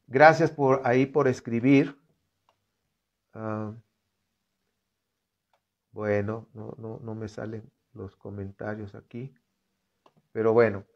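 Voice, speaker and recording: A man's voice: mid-range voice, highs cut off. A man leading a live-streamed Bible reflection, reading scripture aloud and talking to viewers in an earnest, conversational way. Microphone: computer setup.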